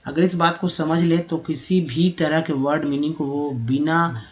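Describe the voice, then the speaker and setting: A man's voice: fairly high pitch, fairly even intonation. Patient man teaching English over slides. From India. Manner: patient, repeats words slowly, many fillers. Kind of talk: explaining lesson over slides.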